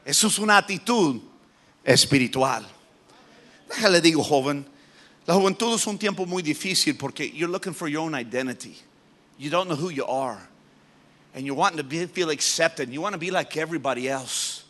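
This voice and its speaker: A high-pitched, bright male preacher. He moves between Spanish and English mid-sentence, lecturing young listeners and building to loud, forceful shouts. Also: animated, normal speed. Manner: switches between Spanish and English, shouts for emphasis, mimics voices. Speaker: pastor. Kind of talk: sermon.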